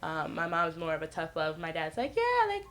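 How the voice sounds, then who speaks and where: Over a crowd in the background, a deep-voiced woman in her twenties from the northeastern US talks at normal speed with wildly swooping pitch. She's a podcast guest sharing frank personal stories in candid conversation, frequently laughing and imitating what other people said.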